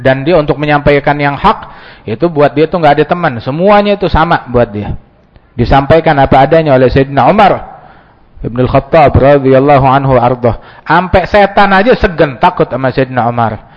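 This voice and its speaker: A man preaching an Islamic sermon. He tells it as an animated story, acts out the dialogues, and mixes Arabic quotations with slang. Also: on the high side, normal speed. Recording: dull lo-fi sound with long hall reverb.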